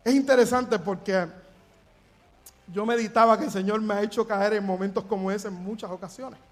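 A man's voice: sits high, steady tone, normal speed. A middle-aged man from Puerto Rico with a Puerto Rican Spanish accent, preaching a sermon as pastor in an earnest, emphatic way.

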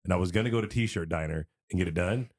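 A man's voice: deep voice, fast talker. A man hosting a sports podcast, joking and playful in casual banter. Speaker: podcast host.

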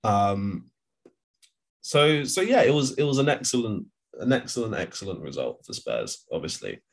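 A man's voice: lowish voice, sing-song, moderate pace, gravelly. A man co-hosting a podcast, chatting casually about football, rambling with lots of restarts and fillers. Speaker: podcast co-host.

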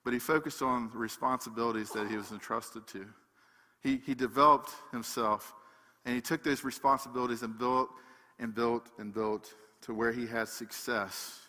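A man preaching a sermon, emphatic, swinging between loud passages and hushed ones. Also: mid-range voice, fairly even intonation, normal speed, long reverb tail.

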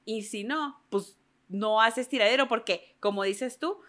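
A Mexican woman in casual chat, talkative and reflective, talking in quick bursts. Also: on the high side, a bit bright.

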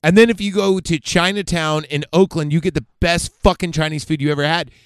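A man's voice: on the high side, steady tone, a little fast, clear, resonant tone, no room sound, studio quality. A man from California co-hosting a podcast, telling rambling, profane stories in casual banter. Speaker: podcast co-host.

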